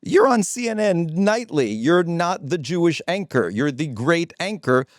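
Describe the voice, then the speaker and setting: A man hosting a podcast interview in a casual, joking way, playful and animated as he introduces his guests. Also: a little high, measured pace, dry recording, studio quality. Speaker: podcast host. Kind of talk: casual comedic interview chat.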